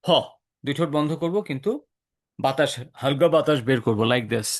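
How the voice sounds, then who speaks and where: A man's voice: mid-range voice, fairly quick. A young man with a Bangladeshi accent teaching a spoken English class, switching between Bengali and English and drilling sounds over and over.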